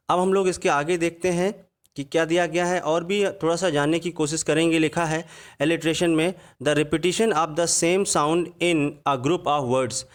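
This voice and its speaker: Man teaching a slow Hindi grammar lesson. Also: fairly high pitch. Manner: explains in Hindi, reads English examples out slowly. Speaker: English teacher. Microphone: voice-over on slides.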